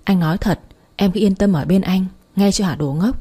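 A woman reading a story aloud, voicing a gentle, teasing young man who comforts his girlfriend, in a soft husky voice. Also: mid-range voice, a little fast, close to an everyday voice. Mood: tender.

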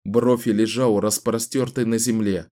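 A man narrating a fantasy audiobook in a measured, dramatic storytelling voice. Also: on the low side, level tone, dark tone.

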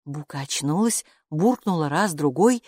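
Animated woman reading a children's story. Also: sits low, measured pace, breathy edge, dry recording, clean studio sound. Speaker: audiobook narrator. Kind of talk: expressive storybook narration.

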